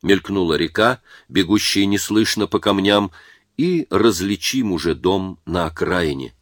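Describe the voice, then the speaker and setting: A man narrating a war story in a measured, dramatic reading. His voice sits low, and the sound is dry and close with no room echo.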